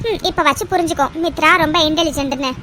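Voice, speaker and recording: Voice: sits high, quick pace, pushed and bright, slight background noise. A performer voicing a cautious young woman colleague in a cartoon serial, arguing against a scheme. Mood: reasoning. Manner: reasoning, protesting.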